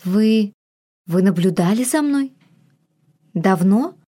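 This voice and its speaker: A nervous young heroine pleads in a breathy, slightly raised voice, as a woman reading an audiobook plays her. It sounds like a first-person romance storybook. Her lines come out soft and eager. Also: mid-range voice, lively intonation, slow. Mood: pleading.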